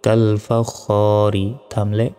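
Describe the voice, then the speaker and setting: A man teaching recitation, spelling out each letter and vowel mark, then chanting the verse slowly. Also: on the low side, monotone, clear, resonant tone. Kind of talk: slow spelling-out lesson with recitation. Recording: reverberant room with soft music.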